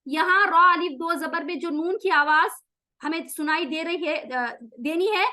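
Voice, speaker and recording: A woman teaching Quran recitation rules, explaining each rule and then chanting the words slowly to show them. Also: very high-pitched, pushed and bright. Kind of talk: tajweed lesson with slow recitation.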